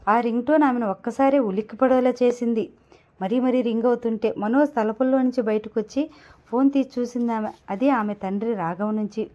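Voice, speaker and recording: A woman narrates a serialized audio novel, reading in an expressive storytelling way. Her voice sits somewhat high. The recording is dull and lo-fi. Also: a little fast.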